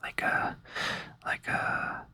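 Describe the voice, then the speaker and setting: A sleepy, hesitant ASMR creator rambles in a breathy close-mic whisper, her manner playful and calming. The pace is extremely slow, and the tone bright and forceful.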